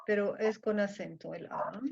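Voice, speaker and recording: Heavy background noise surrounds this creaky, medium-pitched woman's voice as she teaches French online in Spanish at a moderate pace. Her accent is Mexican, and she often confirms that students understand. Audio quality is muffled and lo-fi.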